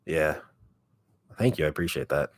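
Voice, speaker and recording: Very deep raspy man, close mic. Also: normal speed, no room sound. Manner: relaxed, rambling, heavy use of "like". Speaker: ASMR content creator on a livestream. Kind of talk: casual livestream chat. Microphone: microphone held very close.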